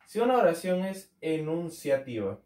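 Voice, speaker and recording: Echoey teacher explaining grammar. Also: male voice, on the high side, big pitch swings, a little mellow, far from the mic. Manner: checks in with "¿listo?" and "¿cierto?", repeats key words slowly. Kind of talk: grammar lesson. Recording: echoey room, voice off-mic.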